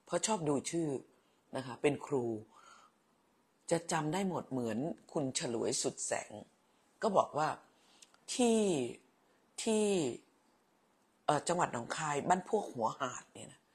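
ผู้หญิงวัยกลางคน อดีตครู คุยไลฟ์สดอ่านคอมเมนต์ผู้ชม พูดแบบแม่ๆ ชอบแซว พูดซ้ำคำ. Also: female voice, low voice, lively intonation, measured pace, pauses often, a little mellow, breathy edge. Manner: chatty, motherly, teasing, repeats words. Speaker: livestream host, former teacher. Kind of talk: casual live chat reading viewer comments.

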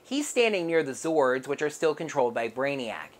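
Woman reviewing comics, low voice but bouncy, dry sarcastic little jabs. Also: sing-song, moderate pace. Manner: wry, sarcastic asides. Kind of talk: casual review narration.

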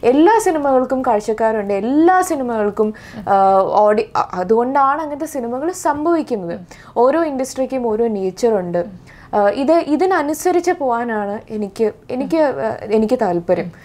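അല്പം ഉയർന്ന ശബ്ദമുള്ള മലയാളി നടി. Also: female voice, a little high, animated, measured pace, a little mellow. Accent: Malayali. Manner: thoughtful, hesitant, many restarts and fillers. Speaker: actress, interview guest. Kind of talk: casual interview.

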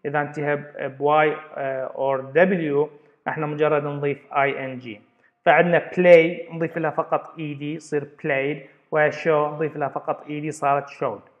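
A man's voice: a little high, little pitch movement, moderate pace. A man teaching an English grammar lesson, explaining step by step and repeating words as he goes. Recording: dull lo-fi recording.

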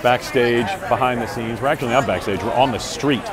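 A man's voice: medium pitch, brisk, over music. A man in his forties, an actor, chatting casually to viewers on a live phone stream as he walks a street fair, upbeat and full of fillers. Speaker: Broadway actor vlogging live. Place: crowded city street outdoors. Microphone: earbud headset mic on phone held at arm's length. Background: street crowd.

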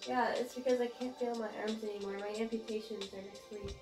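A woman's voice: on the high side, steady tone, a little fast. A young woman in a comedy skit, complaining about her roommate in dry, sarcastic quips. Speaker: college roommate. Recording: echoey room, music behind.

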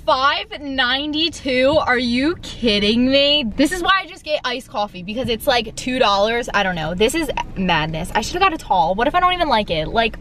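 A woman's voice: high voice, animated, normal speed, few pauses, a bit bright, slight background noise. A young woman chatting casually to her camera from inside a car, with lots of "like". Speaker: vlogger. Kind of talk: casual vlog chat. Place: in a parked car. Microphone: phone camera on dashboard.

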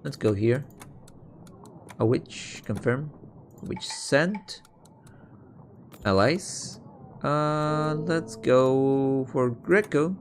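A man's voice: mid-range voice, very slow, pauses often, soft background music. A man giving casual let's-play commentary, thinking aloud and reading text off the screen. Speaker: video game player and commentator.

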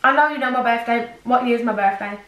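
A woman's voice: fairly high pitch, fast, fairly bright tone. A young woman co-hosting a casual eating vlog, chatting in a rambling way full of fillers. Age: young adult. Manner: rambling, filler-heavy, giggly. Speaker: vlog co-host. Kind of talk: casual chat. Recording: echoey room, distant mic.

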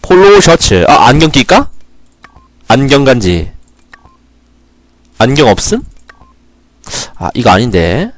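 This young streamer speaks slowly in a medium-pitched, sing-song voice, pausing often as he plays. He kids around with viewers, mutters to himself, and rants at the characters in pretend anger. There's no room sound.

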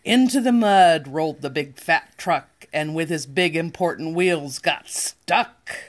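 A sweet older woman, a grandmother reading a children's picture book aloud with deliberate, playful emphasis. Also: low-pitched. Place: living room, indoors.

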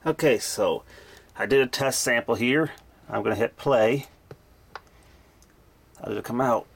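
A hobbyist vlogger holds his camera in a dim room at home and narrates a hands-on demo in an offhand, matter-of-fact way. His medium-pitched voice is unhurried, and the camera mic picks up clearly noisy audio.

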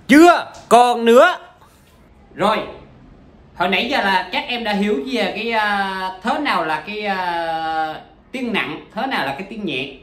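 A man's voice: sits high, normal speed, sharp tone, reverberant. A man teaching poetry in a chatty, casual way, full of examples and fillers. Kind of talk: casual spoken lesson.

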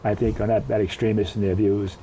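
An older man hosting a studio interview, asking questions slowly with a joking, chuckling manner. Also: fairly low pitch, level tone, warm tone, a little hiss or hum, poor audio. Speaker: host. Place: dark television studio, indoors. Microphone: lapel mic.

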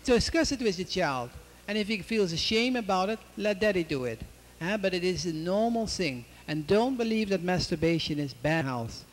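A man's voice: high voice, expressive, normal speed. A middle-aged man, a doctor, speaking frankly into a handheld mic in front of a studio audience. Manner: frank, plain-spoken, instructive. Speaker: doctor answering audience questions. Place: indoor TV studio with seated audience.

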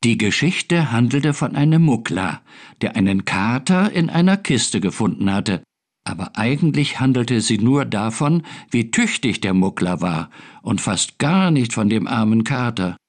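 A male storyteller reads a children's tale in a game, gently and expressively. His pace is slow, his pitch moves a lot, and his voice has a gravelly texture. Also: big pitch swings. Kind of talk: scripted story narration.

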